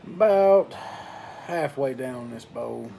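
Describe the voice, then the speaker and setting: A man giving a casual review in an unhurried, folksy way, pausing between short phrases. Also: mid-range voice, expressive, gravelly, dark tone. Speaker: pipe tobacco reviewer. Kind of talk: casual product review talk.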